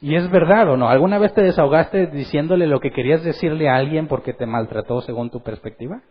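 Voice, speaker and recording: A man's voice: on the high side, quick pace, breathy edge, dull audio. A man teaching a Bible study as pastor, asking his listeners questions and acting out quotes. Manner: animated, asks the audience questions and acts out quotes. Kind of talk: sermon-style Bible teaching.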